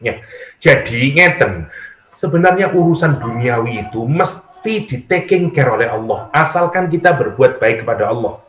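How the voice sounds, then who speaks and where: A middle-aged male preacher with a Javanese accent, speaking at a medium pitch in a casual teaching tone. He slips into acted-out voices of praying worshippers and breaks in with humor. The sound is roomy, with a clear echo around him. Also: moderate pace. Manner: lively, acts out worshippers' prayers, mixes in humor. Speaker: Islamic preacher. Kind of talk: conversational religious lecture. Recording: echoey room.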